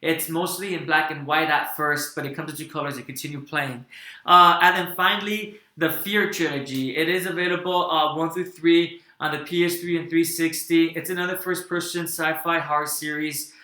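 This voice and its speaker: Bright-voiced enthusiastic man, echoey room. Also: fairly high pitch, fairly even intonation, normal speed. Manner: enthusiastic, rambling with many fillers and restarts. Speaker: video game reviewer. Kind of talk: casual spoken review.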